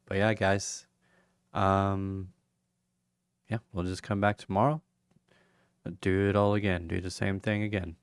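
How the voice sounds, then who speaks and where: This crypto streamer signs off in a loose, meandering chat, his fairly low, gravelly voice tired and turning hoarse, with yawns and plenty of fillers breaking it up. His tone stays level. The audio is dry and close-miked.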